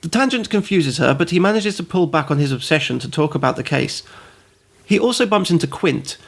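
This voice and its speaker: Male host, gravelly voice, slightly high, dry sarcastic review narration with tangents. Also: lively intonation, a little fast. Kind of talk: comedic game review narration.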